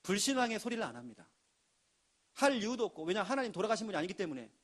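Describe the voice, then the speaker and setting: High-voiced man preaching an emphatic sermon. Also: big pitch swings, very fast, fairly bright tone. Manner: emphatic preaching with acted quotes. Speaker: pastor.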